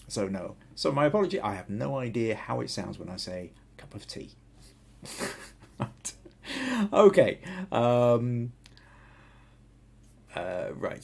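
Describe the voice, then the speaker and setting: Critiquing photos live on his photography podcast, this middle-aged Englishman with a Southern English accent muses thoughtfully, rambling with fillers and frequent restarts. He has a fairly low, gravelly voice that is a little mellow and husky.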